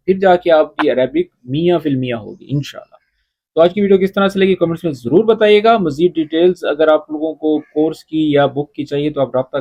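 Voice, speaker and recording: A man, teaching a casual video lesson. He explains patiently, says example phrases slowly and keeps asking whether the viewer has followed. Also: a little high, a little mellow. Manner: explains patiently, often asks "ٹھیک ہے؟". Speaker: Arabic teacher.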